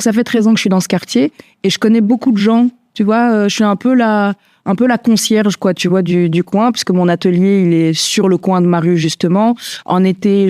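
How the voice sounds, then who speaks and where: A woman in her forties, a podcast guest, talking things through in a casual, reflective way, full of pauses, fillers and restarts. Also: medium pitch, warm tone, dry recording, studio quality. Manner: hesitant, many fillers and restarts. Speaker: guest, stylist and entrepreneur.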